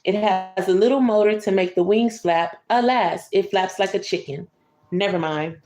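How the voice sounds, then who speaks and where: Speaking at a moderate pace in a mid-range, darkish voice, a woman reads a picture book aloud to a child in an echoey room. It's a bedtime read-aloud punctuated by casual chat, as she explains the pictures and comments to the little one.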